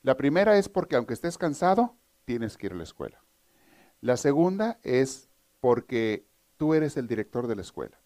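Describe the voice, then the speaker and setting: A man's voice: mid-range voice, very animated, normal speed, warm tone, natural voice. A man playing a firm, coaxing mother. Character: nagging mother rousing her grown son.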